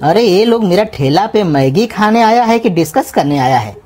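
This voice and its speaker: A woman voicing a bald, self-important male street food vendor who scolds and threatens loudly in a comedy cartoon. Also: medium pitch, expressive, moderate pace, close to an everyday voice. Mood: puzzled. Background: music.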